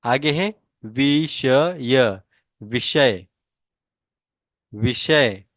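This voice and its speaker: A man with a Marathi accent, teaching an online language lesson and reading out each word slowly, several times over, for students to repeat. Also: medium pitch, a bit bright, no echo. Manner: slow, drawn-out repetition of each word for students to copy.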